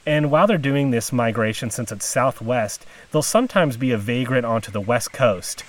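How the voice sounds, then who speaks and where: A man's voice: medium pitch, normal speed, distant mic, a little hiss or hum. A man speaking as a podcast host, narrating nature facts in a casual, chatty way while recording outdoors. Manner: chatty, informal. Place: outdoors in the field.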